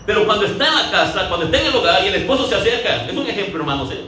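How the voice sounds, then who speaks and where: A man's voice: high voice, very animated, rapid-fire. A man preaching a sermon in a conversational way, telling stories and acting out the quotes. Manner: conversational, acts out quotes in a storytelling way. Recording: echoey hall from far off, faint ambient noise.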